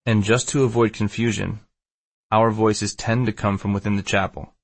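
A man narrates as a solemn male shaman in an audiobook, calmly leading a ceremony. The voice is low and gravelly, with measured, instructive phrasing and a very dry sound. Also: no room sound. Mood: reassuring. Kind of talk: audiobook character dialogue.

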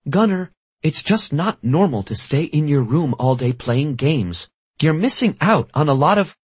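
A man's voice: fairly high pitch, animated, measured pace, husky, no echo, pitched above the performer's own voice. A man voicing a playful, caring young woman with a raised, pleading voice.

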